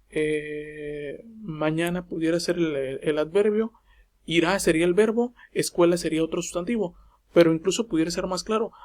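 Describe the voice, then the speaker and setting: Guy teaching class, higher voice, patient, says eh a lot. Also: a little mellow. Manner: patient, repetitive, many "eh" fillers. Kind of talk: recorded class explanation.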